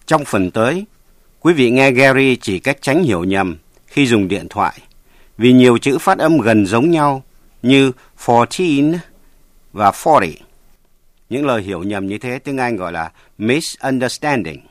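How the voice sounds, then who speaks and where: A man hosting a radio English lesson, reading a scripted bilingual lesson and spelling out words slowly and carefully. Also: medium pitch, animated, no echo, studio quality. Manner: slow, careful spelling and pronunciation drills. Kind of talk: scripted bilingual teaching narration.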